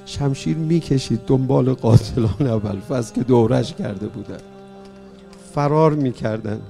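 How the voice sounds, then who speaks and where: A man preaching an emotional mourning sermon, swinging between loud cries and hushed tones. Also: mid-range voice, creaky, soft background music.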